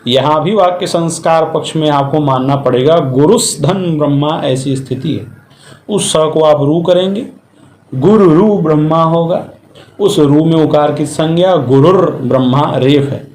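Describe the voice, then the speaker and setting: A man lectures on grammar in a methodical, step-by-step way, walking through each example in turn. His voice sits a little high. The room around him is noticeably echoey. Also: measured pace, darkish tone. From India. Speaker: Sanskrit grammar teacher. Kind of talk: classroom lecture.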